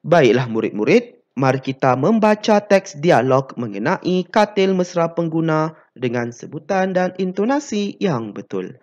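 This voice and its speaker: A teacher walks pupils through a language lesson at an unhurried pace. The speech is dotted with long "ah" fillers, and the voice swings widely in pitch. The recording is dull and lo-fi. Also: big pitch swings, darkish tone. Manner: slow and deliberate, many drawn-out "ah" fillers, acts out example phrases.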